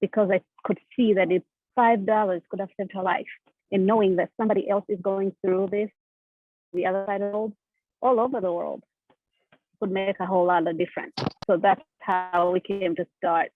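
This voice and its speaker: As a panel guest, this woman, a therapist and founder from East Africa, earnestly recounts her story. She has a mid-range voice with fairly even intonation and a moderate pace, no echo, and the video call audio is tinny and phone-like.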